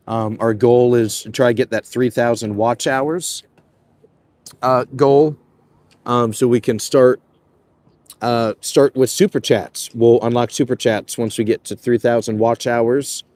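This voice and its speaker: A relaxed livestream host in his twenties talks loosely as he walks, reading out viewers' comments and leaning on "uh" and "man." His voice sits at medium pitch, a little slow, captured in a dry recording.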